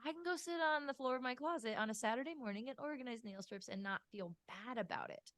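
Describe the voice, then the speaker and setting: A woman's voice: on the high side, fast, fairly bright tone, dry recording. A woman hosting a podcast, talking casually with many fillers and easy laughter. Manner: chatty, lots of "like", laughs easily. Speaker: podcast host.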